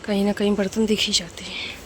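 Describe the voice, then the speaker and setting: A woman's voice: medium pitch, level tone, a little fast, a crowd in the background. A young woman casually chatting as she vlogs her day at home, rambling along while she cooks and cleans, recorded on a phone camera. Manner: chatty, rambling, talks while doing chores. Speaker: vlogger. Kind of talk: casual home vlog chat. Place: home kitchen and rooms.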